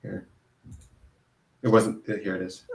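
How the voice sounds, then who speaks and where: A man's voice: lowish voice, level tone, slow, gravelly. A man in a casual group chat, musing and questioning as he talks. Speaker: hangout participant. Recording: roomy echo.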